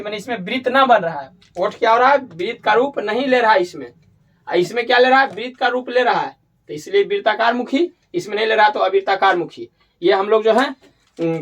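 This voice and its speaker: A man with a high voice, heard far from the mic, teaches a classroom-style grammar lesson. He goes step by step, repeating himself and fixing slips along the way.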